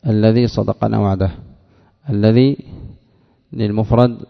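A man teaching a grammar lesson, explaining a text in a measured way and repeating phrases to drive each point home. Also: lowish voice, steady tone, gravelly. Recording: dull lo-fi sound with long hall reverb.

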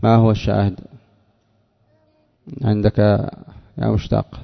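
A man teaching a grammar lesson, explaining a text in a measured way and repeating phrases to drive each point home. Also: lowish voice, monotone, creaky. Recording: dull lo-fi sound with long hall reverb.

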